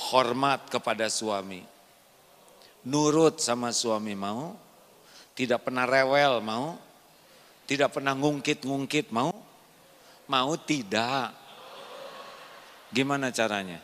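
An Indonesian man preaching a sermon to a live congregation, quizzing the listeners and swinging between soft explanation and loud emphatic points. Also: mid-range voice, in a large hall.

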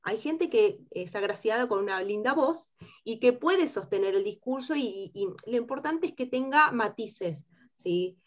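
Argentine woman, high voice, lecturing, rhetorical questions, muffled lo-fi sound. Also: lively intonation, unhurried. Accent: Argentine Spanish. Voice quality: high-pitched timbre. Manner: explains with rhetorical questions and frequent tag "¿sí?". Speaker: workshop teacher. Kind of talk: lecture to students.

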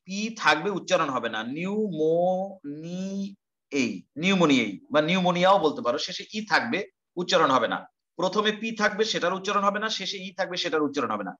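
A man's voice: high voice, expressive, fast, bright, forceful tone, dull audio. A male teacher giving an online class lecture, explaining step by step, repeating terms and asking rhetorical questions.

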